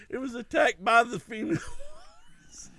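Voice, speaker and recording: A man from El Salvador hosting a loose comedy news show. His voice is high, bright and lively, and he reads the stories with stumbles and laughter. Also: measured pace. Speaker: podcast host. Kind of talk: casual comedic news chat.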